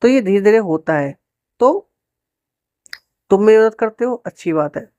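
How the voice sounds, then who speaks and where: A woman teaching to Hindi speakers, repeating each sentence slowly and translating it with questions to the viewer. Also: mid-range voice, lively intonation, dark tone, no echo, studio quality. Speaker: English teacher. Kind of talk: spoken English lesson for Hindi speakers.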